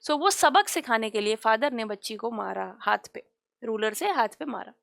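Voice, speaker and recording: A woman's voice: a little high, lively intonation, normal speed, gravelly, a bit bright, no echo. A woman teacher explaining a story to her class, mixing English lines with Hindi retelling and asking questions as she goes. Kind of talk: Hindi-English literature lesson.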